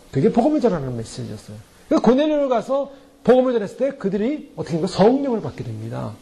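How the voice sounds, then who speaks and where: A male preacher delivers a teaching sermon, his pitch sitting high and swinging widely as he goes. He keeps tossing rhetorical questions to the congregation and retells the passage in plain, emphatic terms. His tone stays soft and mellow, never sharp. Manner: emphatic, retells scripture conversationally. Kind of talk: expository sermon.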